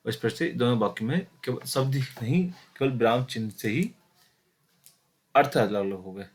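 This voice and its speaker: A man's voice: medium pitch, moderate pace, a little hiss or hum. A man teaching an exam-prep Hindi grammar lesson, explaining step by step with many fillers and self-corrections, and speaking directly to his students. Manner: addresses students directly, repeating key points.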